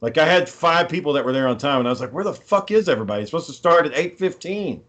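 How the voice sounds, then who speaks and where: On a podcast, a male co-host with a fairly high, expressive and fairly bright voice talks quickly, though the recording is muffled. He chats casually and tells everyday stories. He's blunt and swears freely throughout.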